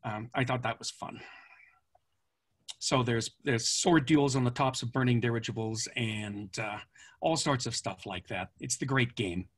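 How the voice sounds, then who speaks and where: Husky-voiced man telling rambling stories. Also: medium pitch, measured pace. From born in France, raised in Canada. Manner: rambling anecdotes with frequent fillers and restarts. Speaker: author guest. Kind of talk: relaxed storytelling interview.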